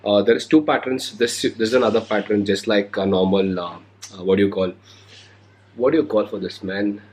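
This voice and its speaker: A young man with an Indian English accent, a motovlogger on the mend from a cold, runs through an unboxing in casual talk laden with hesitant fillers. His voice is fairly low and darkish, fairly flat in intonation and a little quick, recorded on a handheld recorder or camera mic.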